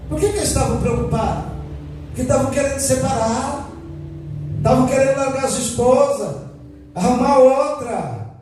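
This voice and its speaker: A man's voice: very high voice, moderate pace, pauses often. A man with a Brazilian Portuguese accent preaching a folksy sermon as pastor, acting out quoted believers. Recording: echoey hall from far off with music.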